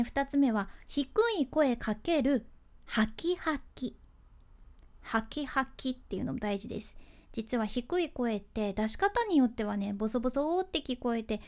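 A woman with a high, darkish voice hosts a relaxed solo session on how to speak well. Working as a freelance announcer and podcast host, she uses Kyushu's Hakata-ben dialect, mixing it with polite language while chatting and laughing often.

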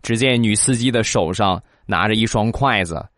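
A man telling short comic anecdotes in a lively storytelling manner, slipping into acted voices. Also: fairly low pitch, normal speed, dry recording, studio quality. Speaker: comic joke teller.

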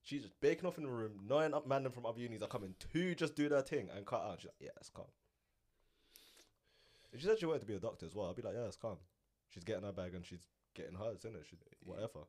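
A man's voice: fairly low pitch, rapid-fire, hardly any pauses, darkish tone. A man in his twenties with a London roadman accent and thick slang, telling stories and arguing his point in casual banter. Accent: London roadman, urban slang-heavy. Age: 20s. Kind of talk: casual banter, storytelling among friends.

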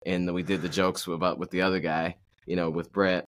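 A man's voice: low voice, level tone, fairly quick, fairly bright tone. A man hosting a running podcast in casual chat, rambling with lots of fillers and restarts. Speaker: podcast host.

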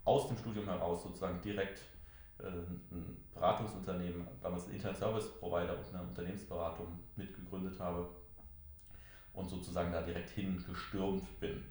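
Answering interview questions about his own career, a middle-aged IT entrepreneur and member of parliament from near Mainz, Germany, speaks in a halting, reflective, conversational way, hesitating often. His deep, darkish voice shows little pitch movement, and the room is very reverberant.

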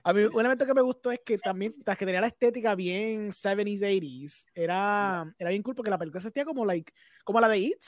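Fast-talking man speaking Spanglish. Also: high voice, a little hiss or hum. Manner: Spanglish, mixing English words into Spanish. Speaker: host of a film discussion. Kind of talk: casual chat, film commentary.

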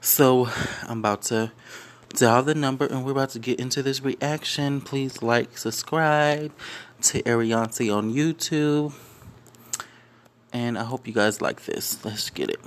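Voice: mid-range voice, a little slow. A YouTube host introducing a prank call in a laid-back, drawling way, full of fillers. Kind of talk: casual video intro.

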